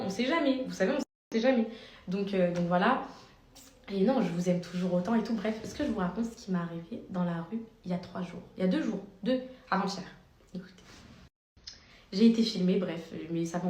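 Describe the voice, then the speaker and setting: A woman's voice: lowish voice, warm tone. A woman influencer telling her followers a story in a slangy, chatty vlog, piling on filler tags. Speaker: social media influencer. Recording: roomy echo.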